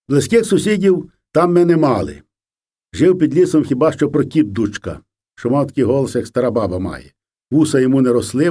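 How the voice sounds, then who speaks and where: A man reads a first-person folk memoir in a calm, unhurried storytelling manner. His voice is mellow and warm, and his pitch moves a lot from phrase to phrase. It sounds like an audiobook reading. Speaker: reader.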